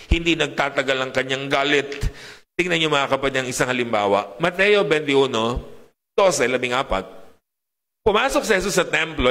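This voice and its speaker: A man preaching a sermon in a lively, rhetorical way, often putting questions to his congregation. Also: fairly high pitch, big-room sound.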